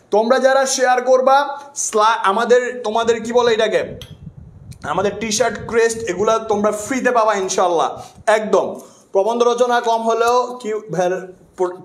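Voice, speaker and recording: A man's voice: very high voice, normal speed, reverberant. A young man from Bangladesh teaching a live online class, chatty and joking with his viewers, repeating words for emphasis. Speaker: online tutor.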